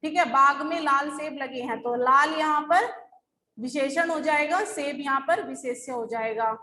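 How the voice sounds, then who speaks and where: A woman's voice: high-pitched, moderate pace, sharp tone, reverberant, slight background noise, low-quality recording. A woman schoolteacher going over lesson answers, explaining patiently step by step. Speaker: school teacher. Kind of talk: recorded class lesson.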